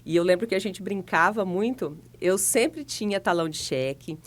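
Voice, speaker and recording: Chatty Brazilian woman, lowish voice. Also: normal speed. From Paraná, Brazil. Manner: chatty, laughs easily, storytelling. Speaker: guest, financial consultant. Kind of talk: relaxed interview conversation.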